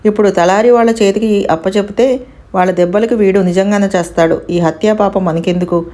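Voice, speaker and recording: A woman's voice: mid-range voice, darkish tone, lightly acted. Female narrator as plain household servants, earnest, puzzled. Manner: earnest, questioning.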